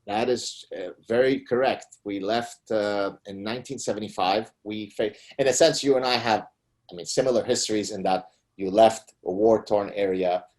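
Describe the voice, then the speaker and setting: Guesting on a conversational interview, this author, a middle-aged man from Lebanon and a native Arabic speaker, talks emphatically, lifting his pitch on key points. His darkish voice keeps fairly even intonation at a normal speed.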